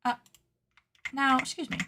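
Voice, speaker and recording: A woman streaming casually while she works at a computer, playfully dramatic as she scolds her sewing patterns out loud. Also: measured pace, slight background noise. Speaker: cosplay pattern maker and streamer. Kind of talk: casual livestream chat while working at a computer.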